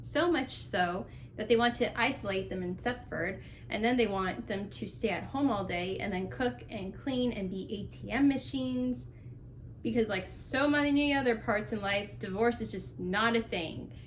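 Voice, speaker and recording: A woman's voice: on the high side, a little hiss or hum. A young woman chatting casually and sarcastically as she recaps a movie, laughing often. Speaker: vlogger. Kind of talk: casual movie recap while doing laundry.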